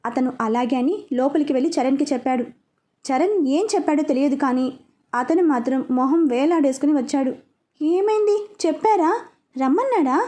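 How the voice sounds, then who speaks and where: A woman narrating a heartfelt story with steady, expressive reading. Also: high-pitched, fairly quick.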